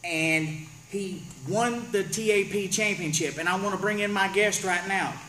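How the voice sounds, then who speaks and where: High-pitched male wrestling promo host, echoey. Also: normal speed, bright, forceful tone. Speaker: wrestling show host, interviewer. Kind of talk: wrestling promo show rundown and interview. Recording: echoey room with faint background noise.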